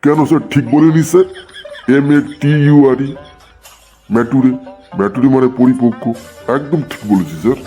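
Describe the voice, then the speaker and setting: Man voicing a cartoon village teacher, self-assured, patient, dark warm tone. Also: mid-range voice, normal speed, pauses often, soft background music, close to an everyday voice. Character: smug male village teacher, sure of his wrong English. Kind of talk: cartoon comedy voice acting.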